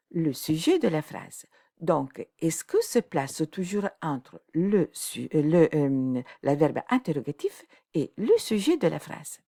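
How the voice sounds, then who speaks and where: A woman teaching a grammar lesson at a slow, deliberate pace. Her pitch moves a lot, rising and falling as she walks patiently through each example step by step. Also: darkish tone. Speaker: French teacher.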